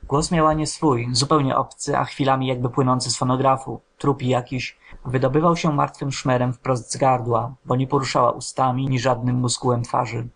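Male audiobook narrator, gravelly and husky, slow somber literary reading. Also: mid-range voice, level tone.

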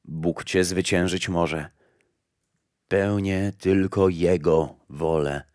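A man reading the part of Death, a grim and solemn female keeper of a garden of souls, speaks in a low, hushed storybook voice. Every word comes out grave and measured. The recording is close and dry. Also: steady tone, no echo.

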